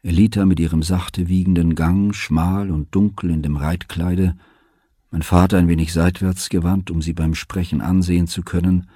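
Deep husky man reading a novel. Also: steady tone, normal speed, warm tone, no room sound, studio quality. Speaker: audiobook reader. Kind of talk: scripted narration.

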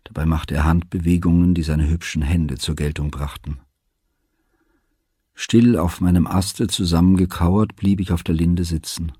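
A man narrates a literary novel at a calm, even pace. His voice sits low and sounds very husky, and the close-miked booth recording is dry. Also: moderate pace, no echo. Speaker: audiobook reader. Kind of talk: scripted narration.

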